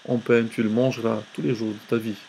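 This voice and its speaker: A man teaching an Old Testament class, reading scripture aloud slowly with hesitations and restarts. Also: medium pitch, flat delivery, creaky, a little mellow, a little hiss or hum. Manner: slow, halting reading with restarts.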